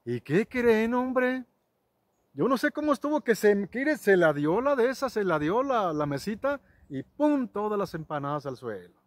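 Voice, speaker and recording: A man's voice: high-pitched, sing-song, moderate pace, no room sound. A man telling rambling, folksy ranch stories to his viewers, with many restarts and asides. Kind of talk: casual storytelling to camera.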